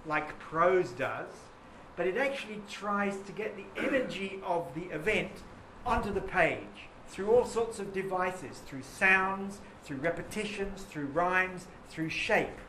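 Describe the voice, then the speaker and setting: High-voiced enthusiastic male teacher. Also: lively intonation, unhurried, pushed and bright, a little hiss or hum. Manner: enthusiastic, praising students. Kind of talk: poetry lesson to a class. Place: classroom. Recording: roomy classroom echo.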